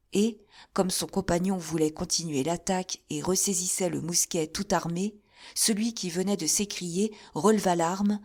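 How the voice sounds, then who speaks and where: A woman narrating a classic novel as an audiobook in a measured, deliberate way. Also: on the low side, darkish tone. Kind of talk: scripted narration.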